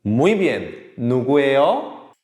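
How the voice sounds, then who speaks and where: In an echoey room with faint noise, an unhurried man with a mid-range voice teaches Korean online. He's lively and patient, saying words repeatedly so the class can echo them.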